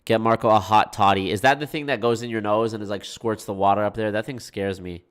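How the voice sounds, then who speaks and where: A man's voice: fairly low pitch, steady tone, fairly quick, clean tone. A man with a stuffed-up, blocked nose talking casually and informally to viewers as a live streamer. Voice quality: congested, blocked-nose sound. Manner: informal, swearing, folksy "y'all". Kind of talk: casual livestream chat with viewers.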